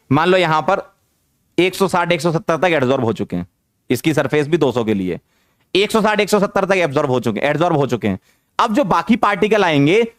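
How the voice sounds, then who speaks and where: A man teaching chemistry in an online lecture, energetic, firing questions at students and repeating phrases to drive points home. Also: fairly high pitch, no room sound, studio quality. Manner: mixes English terms into speech.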